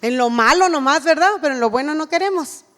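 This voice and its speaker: High-voiced woman preaching. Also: expressive, brisk, a bit bright, in a large hall. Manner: earnest, teaching, acts out what a mother says to her child. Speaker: speaker at a women's church retreat. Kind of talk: sermon. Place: church retreat hall.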